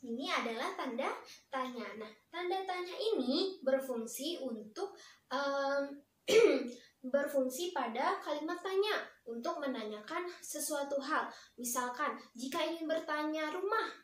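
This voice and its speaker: A young woman student teacher leading a lesson for young children, encouraging and slow, clearly praising her pupils. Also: high-pitched, animated, a little hiss or hum. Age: young adult. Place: primary school classroom. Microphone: far camera. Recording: echoey classroom from far off.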